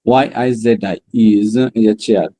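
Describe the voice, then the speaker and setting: A man with a dark, mellow voice leads a language class. He sounds out each word slowly and repeats it several times. Between drills he breaks into fast explanations. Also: fairly low pitch, a little hiss or hum. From Bangladesh. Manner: drills words slowly, then explains in quick bursts. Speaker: Chinese language teacher. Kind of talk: online class lesson.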